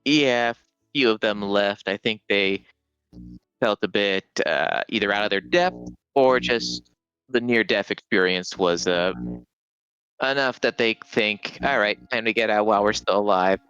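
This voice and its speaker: A man's voice: lowish voice, a little slow, fairly bright tone, clean tone, no echo, muffled recording, faint music behind. A man taking part as a player in a tabletop game, answering casually and briefly.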